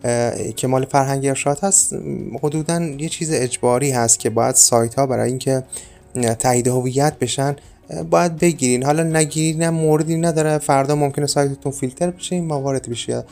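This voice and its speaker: A man's voice: medium pitch, vocal fry, a little mellow, faint music behind. A man hosting a podcast, explaining things informally to listeners he calls friends, with frequent filler "uh"s. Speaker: podcast host.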